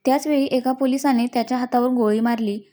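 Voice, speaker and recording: A woman's voice: sits high, steady tone, fast talker, dark tone. A woman reading a story aloud as scripted narration, voicing the characters' lines in her own voice.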